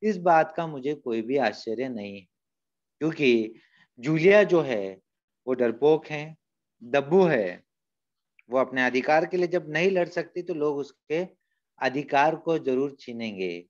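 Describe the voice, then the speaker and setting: A man's voice: medium pitch, lively intonation, unhurried, dull audio. A male school teacher explaining a story in a class lesson, patiently retelling and explaining lines.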